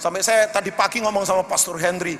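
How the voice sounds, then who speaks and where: Male pastor, animated preacher, high bright voice, long church-hall reverb. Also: fast talker. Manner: animated, shifts between shouting and hushed storytelling. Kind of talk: sermon.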